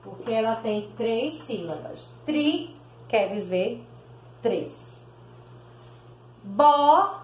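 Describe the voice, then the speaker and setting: A Brazilian woman gives a recorded primary school lesson, drawing out each word syllable by syllable at a very slow pace. Her voice sits a little high, and it rings in an echoey room. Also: lively intonation, warm tone. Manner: slow, sounds out words syllable by syllable, calls pupils "meus amores". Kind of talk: recorded video class.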